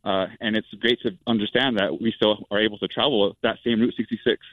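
A man from New Mexico calling in to a radio show over a clipped phone line, making a relaxed, casual comment with many "uh" fillers. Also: lowish voice, fairly quick, no echo. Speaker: radio call-in caller. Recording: tinny dry phone line.

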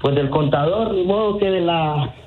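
A man answering a prank phone call with deadpan, evasive wisecracks. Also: on the high side, moderate pace, slightly rough, soft background music. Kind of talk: phone conversation.

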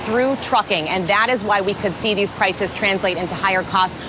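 A woman reporting from outdoors at a gas station as a radio field reporter, in a steady, measured voice. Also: mid-range voice. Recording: clear street ambience. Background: traffic and vehicle noise.

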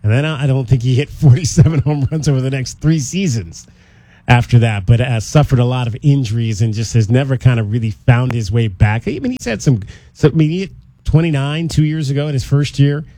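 A man's voice: mid-range voice, fairly quick, dark tone, no echo. A man hosting a sports broadcast, interviewing guests and commenting in a conversational way.

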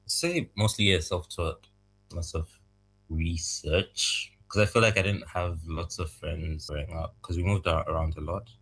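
A young man from Zambia, raised in Malawi, answering interview questions about making music in a soft, thoughtful, halting way. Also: low-pitched, fairly even intonation, breathy edge, poor audio. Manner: soft-spoken, thoughtful, halting, laughs lightly. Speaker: music producer, guest.

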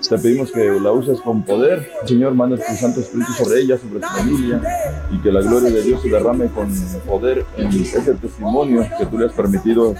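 A man's voice: medium pitch, steady tone, fairly quick, music in the background, poor audio. A man leading a fervent spoken prayer, repeating phrases as he goes. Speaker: prayer leader.

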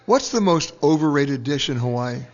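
A male radio host interviews a guest in a brisk, teasing manner. His voice sits a little high, and the broadcast sound is dull and lo-fi. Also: expressive. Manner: brisk, playful questioning. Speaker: radio travel show host.

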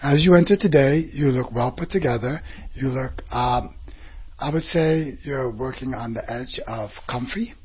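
A man who runs a clothing shop sizes up an outfit in an interview, sounding assured but often pausing on fillers. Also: mid-range voice, husky, dull audio. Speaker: clothing shop owner, style critic.

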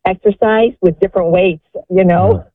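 A woman's voice: medium pitch, steady tone, moderate pace, dry recording. Woman, 60s, caller on a tinny phone line; earnest, encouraging, rambling. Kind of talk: call-in show testimony.

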